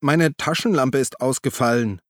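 A man voicing a drunk, clumsy detective who slurs, curses and shouts in an audiobook reading. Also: mid-range voice, slow pace, no echo, voice pushed up, lightly acted. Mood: drunk grumbling. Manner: slurring, loud, cursing.

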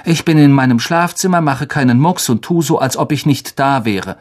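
A storybook narrator voicing a young boy who recites his lines in a flat, toneless way. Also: medium pitch, fairly quick, voice pushed up, natural voice. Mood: deadpan. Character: young boy, resigned and deadpan.

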